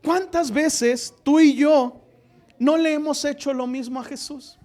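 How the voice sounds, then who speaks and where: High-voiced preacher, emphatic and dynamic. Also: male voice, steady tone, a little slow. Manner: emphatic, rhetorical questions, swings between loud and hushed. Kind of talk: sermon.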